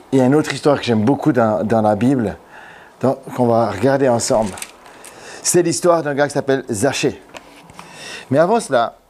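A male pastor gives a relaxed, conversational sermon. He teases his listeners and drops in quick jokes between points. His pitch sits in an ordinary middle range. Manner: joking, conversational preaching with audience questions. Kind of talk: informal sermon. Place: church gathering held in a café.

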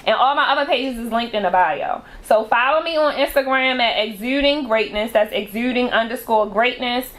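A woman's voice: fairly high pitch, normal speed, hardly any pauses, a bit bright. A woman guest on a podcast, chatting casually and emphatically, often laughing. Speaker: podcast guest, salon owner. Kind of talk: casual chat.

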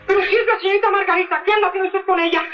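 A woman's voice: extremely high pitch, steady tone, rapid-fire. An actress playing an anxious woman of the household who frets and exclaims. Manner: fretful, exclaiming. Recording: muffled old film soundtrack with echo and music.

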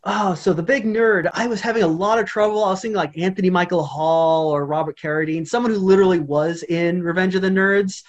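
A podcast co-host chatting casually, mid-pitched, with a rambling flow full of "like" fillers and restarts. The talk wanders as thoughts come together on the fly. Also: fairly even intonation, brisk, hardly any pauses, highs cut off. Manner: rambling, heavy use of "like", many restarts. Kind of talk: casual chat.

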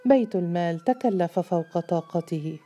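A woman's voice: lowish voice, animated, normal speed, dark tone, soft background music. A woman voicing a scheming male governor. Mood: coaxing. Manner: teasing, smooth.

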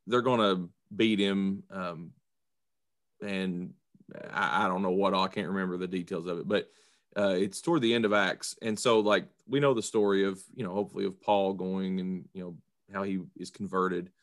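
Low-voiced guy on a church podcast, earnest, tells stories with pauses and ums. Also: fairly even intonation. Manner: earnest, retells stories with acted quotes. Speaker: podcast co-host. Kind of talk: casual faith discussion, storytelling.

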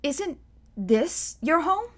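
An earnest young man on the verge of leaving home, as a woman reading aloud puts him on. He asks eager, pleading questions, pitched a little high. The delivery is clear and lively. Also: extremely slow, full character voice.

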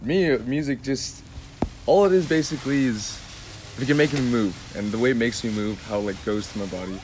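A man's voice: mid-range voice, brisk, slight background noise. A young man chatting as a guest on a casual podcast, loose and laid-back, filling his talk with "like". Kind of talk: casual chat.

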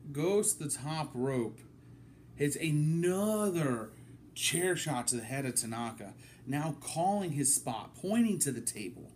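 A man hosting a casual wrestling review from his apartment, talking it through in a halting way with many ums. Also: mid-range voice, slight background noise. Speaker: wrestling podcast host.

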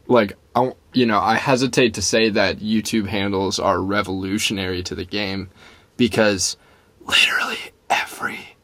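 A young man co-hosting a loose podcast chat, playful and teasing. His voice sits a little low for a man and comes across easygoing. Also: fairly even intonation, normal speed, a bit bright, dry recording. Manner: joking, teasing. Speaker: podcast co-host. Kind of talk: casual chat.

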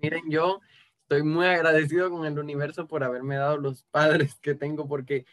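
Frank man, slightly high voice. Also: flat delivery, moderate pace, fairly bright tone. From Cuba. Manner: frank, outspoken, with slang. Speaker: panel guest. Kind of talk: casual panel chat.

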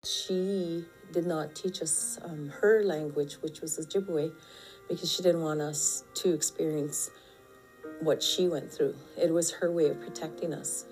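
A woman recounts her family's story in a hesitant, conversational way, her voice low and mellow. Soft music plays faintly beneath. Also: steady tone, measured pace, low-quality recording. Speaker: interviewee. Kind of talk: interview testimony.

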